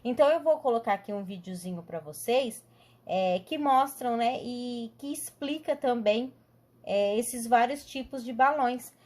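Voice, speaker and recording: A woman's voice: a little high, unhurried, a little mellow. A woman teacher with a Brazilian Portuguese accent, explaining a lesson patiently and often checking in with her students. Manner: patient, explanatory, tags sentences with "né?". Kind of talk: recorded online class.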